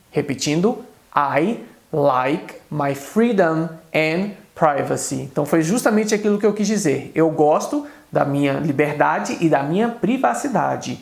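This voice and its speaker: A man with a Brazilian Portuguese accent teaching an English video lesson, explaining quickly and saying English examples slowly and carefully. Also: on the high side, vocal fry, roomy sound.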